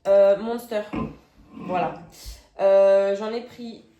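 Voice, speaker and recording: A young woman chats her way through a grocery haul at a mid-range pitch. She talks loosely, with plenty of "euh" fillers and informal slang. The room around her is bare and echoey. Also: slow, mellow, highs cut off. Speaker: vlogger. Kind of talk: casual grocery haul vlog.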